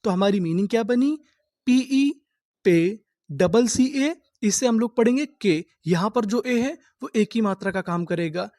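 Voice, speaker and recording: A man's voice: high voice, a little mellow, dry recording, clean studio sound. A man teaching a spoken lesson to students, spelling words letter by letter, then asking and answering his own questions. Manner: drills each word by slow repetition. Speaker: English reading teacher.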